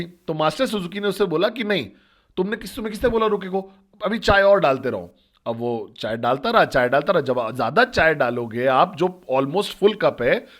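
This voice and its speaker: Male motivational trainer, slightly higher voice, direct, talks straight to his listeners. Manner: direct, asks listeners questions. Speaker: network marketing trainer. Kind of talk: motivational storytelling talk.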